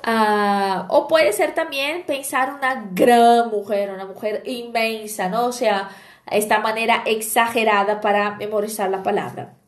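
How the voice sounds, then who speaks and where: High-voiced woman teaching casually. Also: fairly even intonation, measured pace. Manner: chatty, explaining with anecdotes and frequent "¿bien?". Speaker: language teacher. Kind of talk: online language lesson.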